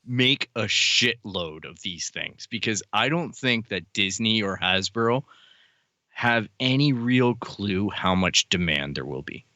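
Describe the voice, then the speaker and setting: A man's voice: on the low side, animated, takes it slowly, sharp tone, dry recording. A man co-hosting a podcast, chatting casually and enthusiastically as a fan, swearing now and then. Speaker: podcast co-host. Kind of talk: casual chat.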